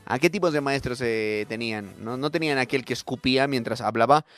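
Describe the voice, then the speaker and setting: Here the young Bolivian radio host sounds mid-range and a bit bright, talking fairly quickly with no room sound at all. A comedian by trade, he reads listener messages during a casual, joking monologue on his show.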